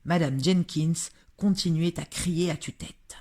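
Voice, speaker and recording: A woman narrating an audiobook chapter in an expressive, measured reading. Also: low voice. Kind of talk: scripted narration.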